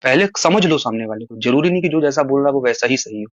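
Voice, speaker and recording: A man lecturing and pleading on a phone call, talking rapidly. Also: medium pitch, animated, no room sound. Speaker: caller. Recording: dull phone call recording.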